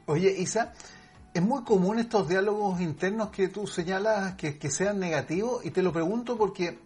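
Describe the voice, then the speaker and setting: A man's voice: high voice, normal speed, darkish tone, husky, soft background music. A man who hosts the show, chatty and upbeat, asking his guest leading questions. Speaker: host. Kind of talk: talk show interview.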